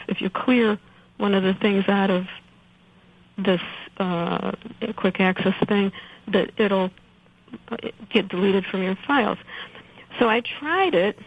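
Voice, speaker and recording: A woman calling in to a radio show, hesitant and nervous, filling her pauses with ums and uhs. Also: mid-range voice, phone-quality sound. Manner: hesitant, many fillers, nervous. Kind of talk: casual call-in question.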